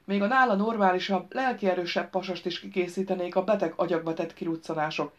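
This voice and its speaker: Woman audiobook narrator, low register, measured storytelling delivery, dull lo-fi sound. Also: steady tone. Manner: measured storytelling, voicing characters in dialogue.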